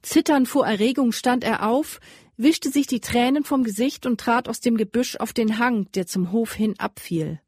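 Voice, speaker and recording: A woman narrating an adventure audiobook in a measured, even reading. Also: fairly high pitch, breathy edge, dry recording, clean studio sound. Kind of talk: scripted storybook narration.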